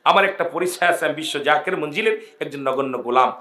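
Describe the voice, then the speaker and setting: High-pitched fervent preacher man. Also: a little fast. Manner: call-and-response, urging the crowd to shout back; impassioned, swinging between loud cries and hushed pleading. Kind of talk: fervent sermon at a religious gathering.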